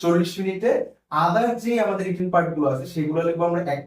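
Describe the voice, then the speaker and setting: A male tutor giving a brisk exam-prep lesson, tallying minutes aloud and repeating figures as he goes. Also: high voice, reverberant, distant mic.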